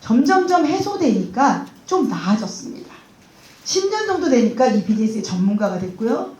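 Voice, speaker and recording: Middle-aged woman, stage speaker, lively rising-falling delivery, acts out quoted lines, roomy hall sound. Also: a little high, moderate pace. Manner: animated storytelling with laughs, acting out dialogue. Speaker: speaker at a company event. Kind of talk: motivational stage talk. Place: large event hall.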